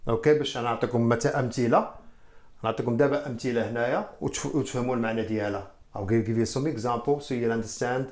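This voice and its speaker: A man with a Moroccan Arabic accent teaching beginner English, explaining in Arabic and repeating English example sentences slowly. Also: mid-range voice. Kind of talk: beginner English lesson at a board.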